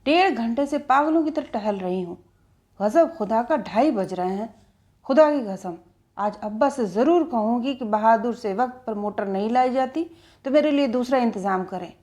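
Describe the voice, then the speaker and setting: A woman voicing an impatient, quick-tempered young woman student who scolds her driver. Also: a little high, animated, dark tone, close to an everyday voice. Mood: scolding. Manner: scolding, irritated.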